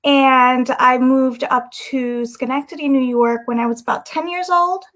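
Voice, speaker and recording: A young woman from Guyana, a model, answering interview questions in a soft-spoken, hesitant way with frequent pauses and restarts. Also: high-pitched, fairly even intonation.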